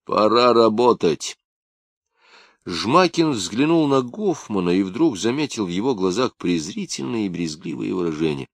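Deep-voiced male audiobook narrator. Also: sing-song, normal speed, creaky, hardly any pauses, no echo, clean studio sound. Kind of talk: scripted narration.

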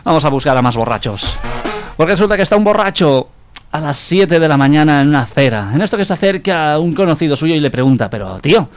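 A man's voice: on the high side, quick pace, soft background music. A man hosting a radio comedy show, trading teasing banter and telling jokes. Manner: playful, teasing, animated storytelling.

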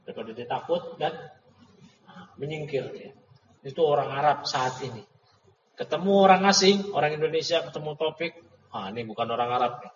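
A man giving a religious study lecture, explaining Arabic terms and paraphrasing them with lively asides. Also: on the high side, a little fast, a little hiss or hum. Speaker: Islamic teacher. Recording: roomy, distant, dull lecture audio.

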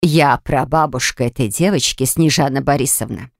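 A narrator voicing a stern, composed elderly great-grandmother who speaks curtly and with authority, in a gravelly, dry voice. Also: mid-range voice, moderate pace, no room sound, lightly acted. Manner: curt, dry, commanding.

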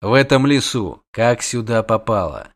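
A man voicing a gruff, terse monster hunter. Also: medium pitch, expressive, moderate pace, close to an everyday voice. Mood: stern questioning.

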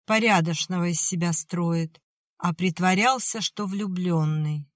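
A woman reading an audiobook, voicing a tearful, defiant young girl who talks in a high, strained voice. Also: a little slow, dry recording, studio quality, natural voice. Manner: tearful, pleading, high-strung.

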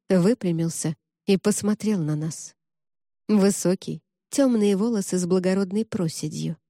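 A woman narrating a first-person audiobook in a steady, even storytelling manner. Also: mid-range voice, no echo, studio quality.

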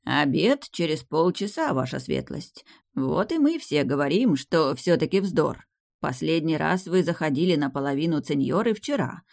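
A narrator voicing an old-school butler who speaks in a deferential, formal and measured way. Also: mid-range voice, gravelly. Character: old-school male butler, proper and discreet.

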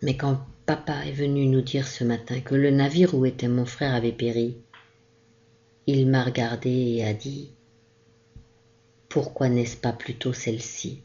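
A woman's voice: very deep voice, flat delivery, unhurried, warm tone, muffled recording. A woman voicing a sad little crippled girl. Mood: despairing. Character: small crippled girl, despairing and lonely.

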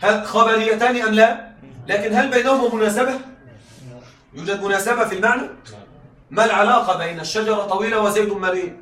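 Male lecturer, high and bright, quizzes the class often, recorded from across an echoey room. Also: fairly even intonation, far from the mic. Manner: keeps checking students follow, repeats key points; reads examples slowly and deliberately. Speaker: teacher.

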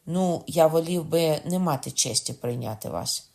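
An audiobook reader voicing a calm, sarcastic innkeeper. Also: medium pitch, moderate pace, gravelly. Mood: calm mocking. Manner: unruffled and sarcastic. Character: calm mocking middle-aged innkeeper. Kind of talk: audiobook character voice.

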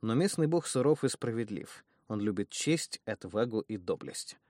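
A man reading a first-person fantasy audiobook in a measured, even storytelling manner. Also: on the low side, dry recording, studio quality. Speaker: audiobook narrator.

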